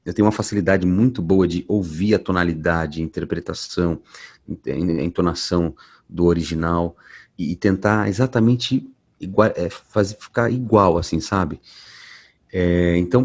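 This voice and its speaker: A man, a voice actor being interviewed, telling stories in a relaxed way from home. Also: low voice. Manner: relaxed storytelling, many restarts. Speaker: voice actor guest. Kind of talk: casual interview talk. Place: at home at night.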